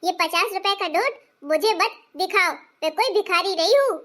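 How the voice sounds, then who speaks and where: A woman's voice: extremely high pitch, animated, moderate pace, fairly bright tone. A woman doing a touchy, proud young daughter. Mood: indignant. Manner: indignant, huffy. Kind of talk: cartoon family story voice acting.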